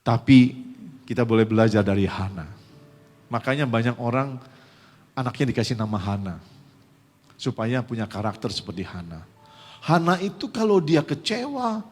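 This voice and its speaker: A man's voice: mid-range voice, normal speed, long pauses, a little mellow, soft background music. A man pastor preaching a conversational sermon, addressing the congregation directly and asking them rhetorical questions. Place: church sanctuary. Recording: long church hall reverb.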